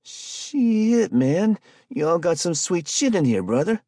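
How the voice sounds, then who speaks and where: A man's voice: fairly low pitch, sing-song, normal speed, breathy edge, dry recording, clean studio sound, voice pushed up. A man voicing a menacing adult street hustler who bullies and robs, in swaggering slangy speech, for a spoken story. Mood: greedy. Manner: swaggering slangy street talk, pushy and loud.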